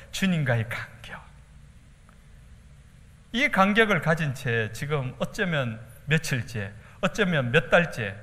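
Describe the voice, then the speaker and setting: A pastor from Daegu with a Gyeongsang accent, preaching a sermon and acting out quotes. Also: male voice, a little high. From Daegu, South Korea. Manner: animated preaching with acted-out quotes. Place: church sanctuary. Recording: church hall reverb.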